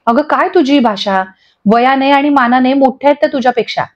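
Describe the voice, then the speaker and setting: A gentle, level-headed young wife who corrects her friend softly and calmly, voiced by a woman narrator. Her voice sits somewhat high, and the lo-fi recording dulls it. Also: a little fast, lightly acted. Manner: calm, gently scolding. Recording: dull lo-fi audio.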